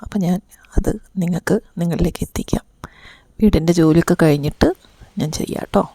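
A woman's voice: on the low side, quick pace, warm tone, dry recording. A woman giving a chatty home tour of her house under renovation, talking straight to her viewers, her throat irritated by dust. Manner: chatty, addresses viewers directly, frequent tag words. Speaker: vlogger. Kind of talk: casual home tour narration.

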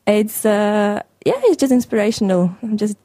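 A woman with a Slovakian accent answering as a guest in a radio interview, speaking haltingly as she searches for words. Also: mid-range voice, mellow, dry recording, clean studio sound. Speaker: guest artist, painter and sculptor. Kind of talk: live radio interview chat.

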